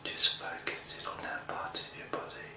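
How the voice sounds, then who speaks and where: A man leading a guided relaxation hypnosis in an intimate whisper, as if right in your ear, soothing, with long pauses between short phrases. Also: heavy reverb, recorded from a distance. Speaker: hypnosis session host.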